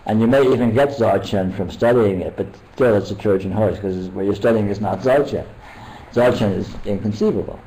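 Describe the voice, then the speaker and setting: Older man rambling gently, low mellow voice. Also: slight background noise, low-quality recording. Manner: rambling, halting, many restarts. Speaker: meditation teacher. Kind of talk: casual retreat talk.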